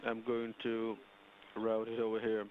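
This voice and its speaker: A man relaying talk over a crackly space radio link, halting, with frequent fillers. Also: fairly low pitch, completely flat delivery, a crowd in the background. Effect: space radio link, crackly and muffled. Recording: muffled radio link with loud static hiss.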